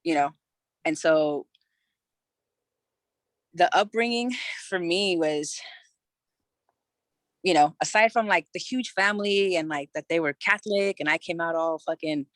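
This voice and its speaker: Speaking on the low side at a measured pace, a Californian woman in her thirties pauses often; her tone is fairly bright and there's no room sound. She's a podcast guest telling her story frankly and casually, sprinkling in "you know" and swear words.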